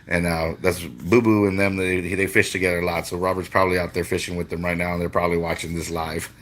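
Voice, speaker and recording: Middle-aged fishing guide, very deep voice, loose and profane, talks off the cuff on a live stream. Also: male voice, bright, forceful tone. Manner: rambling, casual, with frequent swearing and restarts. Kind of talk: casual live-stream chat.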